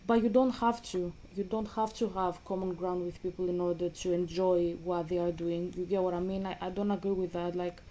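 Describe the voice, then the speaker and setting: Chatty Greek woman, flat and mellow. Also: lowish voice, a little fast, few pauses, muffled recording, slight background noise. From Greece. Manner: rambling, chatty, restarts often. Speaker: vlogger. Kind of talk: casual gaming commentary.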